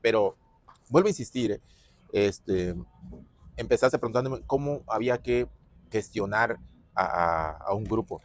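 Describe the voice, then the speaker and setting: A middle-aged man with a Mexican Spanish accent, a former footballer talking casually in an interview, reflective, with pauses and fillers. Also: on the low side, no echo.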